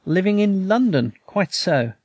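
A man's voice: high-pitched, big pitch swings, a little slow, darkish tone, breathy edge, voice pushed up, heavily acted. Dry languid detective, guy reading him in a storybook, clipped remarks, no room echo. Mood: musing. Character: coolly detached male detective, languid, dry.

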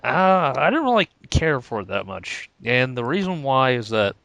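A man's voice: medium pitch, sing-song, moderate pace, gravelly, a bit bright, no room sound. A man casually talking about comics, hesitant and laid-back with many ums. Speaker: comic book podcast co-host. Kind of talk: casual chat.

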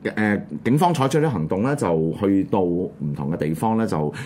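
A man with a Hong Kong Cantonese accent, hosting an online radio show and chatting casually about current events in a subdued, halting way. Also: low voice, lively intonation, a little mellow, a little hiss or hum. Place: studio.

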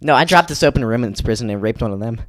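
A man co-hosting a podcast, throwing out crude deadpan one-liners in casual banter. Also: medium pitch, racing. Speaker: podcast co-host.

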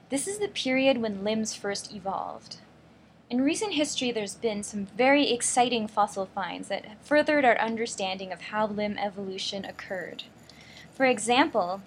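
A woman hosting a science show, reading scripted radio narration in a bright, curious presenting manner. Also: on the high side, a little hiss or hum. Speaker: science show host and interviewer.

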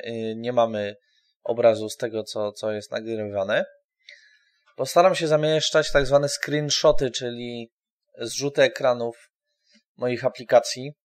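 A man's voice: mid-range voice, a little mellow. Man hesitantly introducing a podcast. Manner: hesitant, halting delivery with frequent pauses. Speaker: podcast host. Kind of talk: informal spoken podcast introduction.

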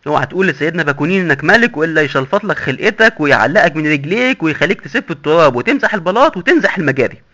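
A man's voice: on the high side, expressive, very fast, few pauses, bright, forceful tone. A man with an Egyptian accent voicing a boastful, sly male doctor in hell who lectures glibly and mockingly. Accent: Egyptian Arabic. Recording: dull lo-fi recording.

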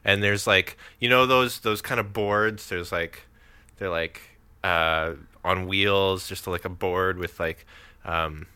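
A man co-hosting a podcast, telling stories in an excitable, casual way with some swearing. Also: sits low, takes it slowly, clean tone, dry recording. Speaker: podcast co-host. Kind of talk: casual chat. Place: Canada.

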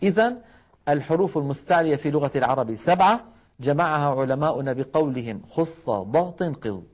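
A man with a fairly high voice leads a televised recitation lesson from a studio. He sounds out single syllables slowly and carefully, then explains how each one is formed. He keeps asking listeners at home to repeat after him. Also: animated, darkish tone. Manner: repeats letter syllables to demonstrate, urges viewers to try at home. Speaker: Quran recitation teacher.

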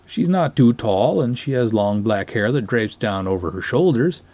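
A podcast host reads a short story aloud, giving a dramatic rendering of its narrated dialogue in a formal, wordy, theatrical style. His voice is mid-range, animated and warm, moving at a normal speed with no echo.

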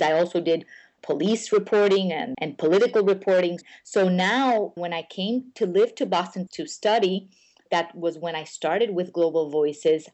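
This is a woman in her thirties, talking through an interview as a guest. Her voice sits low and her answers are earnest. She often stops and restarts a thought partway through. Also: darkish tone. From Puerto Rico. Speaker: guest, blog network editor.

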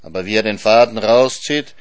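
A man reading a folk tale aloud as narrator, calm and measured. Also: fairly low pitch. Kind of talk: scripted story narration.

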